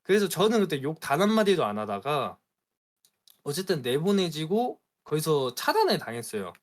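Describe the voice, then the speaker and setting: A man, a streamer, telling a story in a casual chat, animated and aggrieved. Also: a little high, moderate pace. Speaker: streamer guest.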